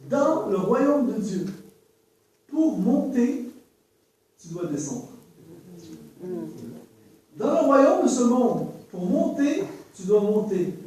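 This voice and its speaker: A man with a Canadian French accent, from French Canada, preaching to a worship team in a lively, joking way, repeating key phrases. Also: extremely high pitch, slow, long pauses. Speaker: worship teaching speaker. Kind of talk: sermon. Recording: very echoey room, voice from far off.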